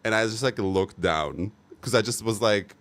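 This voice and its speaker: A man's voice: on the low side, normal speed, fairly bright tone. A young man talking casually to his livestream viewers, gushing and frank, with many fillers and repeats. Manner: chatty, frank and sometimes profane. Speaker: livestream host.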